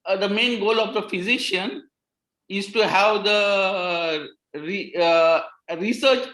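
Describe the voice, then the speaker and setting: A man speaking on an online panel, his voice a little higher than usual. He gives earnest, halting advice and often restarts his sentences. The audio is roomy and echoey. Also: sharp tone. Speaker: pathology resident panelist.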